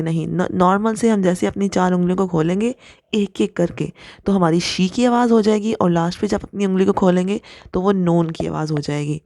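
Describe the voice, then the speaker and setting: A woman with a low, gravelly voice gives a patient recitation lesson. She walks through each letter sound and repeats it to demonstrate. The recording is dry and close. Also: a little mellow, no room sound. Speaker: Quran recitation teacher. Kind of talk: step-by-step tajweed lesson.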